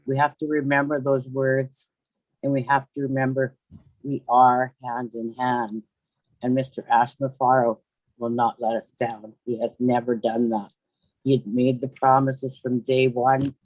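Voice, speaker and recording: A man calling into a webinar, giving an earnest, devotional testimonial in a slow, reassuring way. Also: mid-range voice, darkish tone, no room sound, rough recording. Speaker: webinar caller. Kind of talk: casual testimonial on a webinar call.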